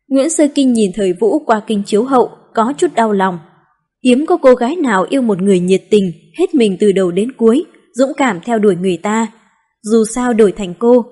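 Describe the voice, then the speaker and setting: A woman narrating an audiobook in a steady, smooth reading. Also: medium pitch.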